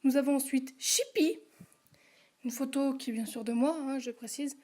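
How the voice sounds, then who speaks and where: High-voiced woman listing roles. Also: normal speed, mellow. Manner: hesitant, with fillers and trailing asides. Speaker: channel host casting voice actors. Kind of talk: casual casting call, listing roles.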